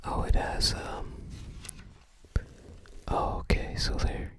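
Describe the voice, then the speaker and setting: An ASMR video creator whispers softly and breathily in an unhurried, musing show-and-tell.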